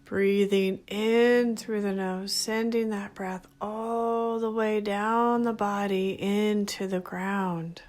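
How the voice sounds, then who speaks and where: A woman guides a meditation in short phrases, her manner gentle, soothing, and unhurried. Her voice is mid-range with fairly even intonation, and music plays in the background.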